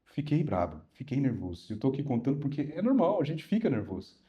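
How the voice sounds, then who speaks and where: A middle-aged Brazilian man preaching a sermon, telling a personal story with animated swings between loud and soft. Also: medium pitch, fast, lo-fi sound. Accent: Brazilian Portuguese. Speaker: pastor.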